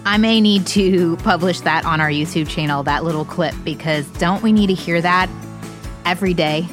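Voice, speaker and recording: A woman's voice: fairly low pitch, normal speed, music in the background. A woman hosting a conversational podcast in an earnest, encouraging way. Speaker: podcast host.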